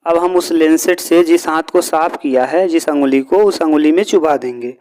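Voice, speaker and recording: Higher-voiced male teacher explaining step by step. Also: normal speed, a little mellow. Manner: asks and answers his own questions.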